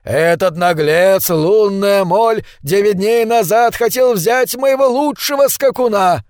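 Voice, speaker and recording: A man voicing an angry, indignant male stablehand who shouts his complaint. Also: high-pitched, slow pace, smooth, dry recording, clean studio sound, voice pushed up.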